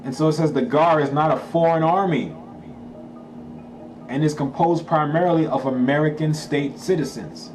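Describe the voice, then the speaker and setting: On a low-quality recording with some hiss or hum, a Haitian channel host who speaks Creole reads out a document in a slightly high, slightly mellow voice at a moderate pace. He stops to explain it emphatically, tossing in slangy asides and checking in with listeners.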